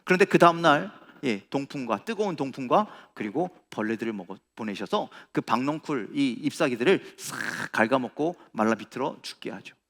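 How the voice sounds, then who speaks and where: Animated pastor, bright gravelly voice, hall echo. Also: male voice, mid-range voice, normal speed, hardly any pauses. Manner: animated preaching, acting out quoted prayers in a raised voice. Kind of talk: sermon. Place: large church sanctuary. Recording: reverberant church hall.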